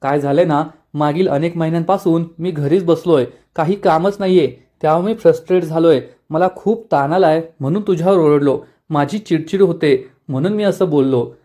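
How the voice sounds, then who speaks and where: Man doing frustrated young husband, educated, quick to snap, mellow voice. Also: fairly high pitch, close to an everyday voice. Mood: apologetic. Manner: snappish, then apologetic.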